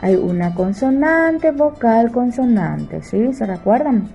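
Slow, mellow woman teaching English. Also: on the high side, animated, creaky, faint music behind, poor audio. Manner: checks in with frequent "¿sí?"; slow English examples, quicker Spanish explanations. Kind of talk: bilingual grammar lesson.

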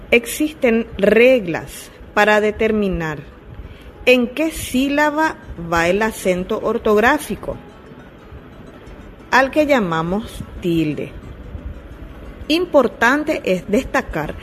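A woman teaching a lesson, explaining slowly and carefully and correcting herself as she goes. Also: mid-range voice. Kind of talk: slow classroom explanation.

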